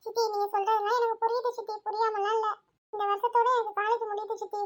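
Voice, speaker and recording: A woman voicing a frank, defensive young college student who talks rapidly and insistently in an audio story. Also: very high-pitched, level tone. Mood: pleading.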